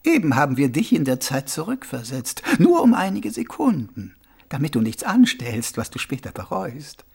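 A serene old monk who sweeps floors for pennies, as a male narrator puts him on, speaking in a raised, gravelly voice. He takes his time over every phrase, gently amused and reassuring. The voice swoops up and down with a husky edge. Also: fairly high pitch, huge pitch swings, voice pushed up, exaggerated voice. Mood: calm, amused. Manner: slow, gently amused, soothing. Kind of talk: audiobook character voice.

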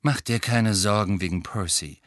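A man's voice: on the low side, moderate pace, a bit bright, no room sound, studio quality, close to an everyday voice. A man playing a blunt, resentful wizard who speaks with bitterness. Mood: bitter. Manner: abrupt, bitter.

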